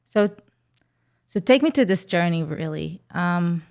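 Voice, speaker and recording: An Israeli woman hosts an interview podcast, her voice pitched a little low. She asks gentle, probing questions and leaves room for her guest to answer. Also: animated, unhurried, gravelly, clean tone. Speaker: podcast host. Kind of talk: interview conversation.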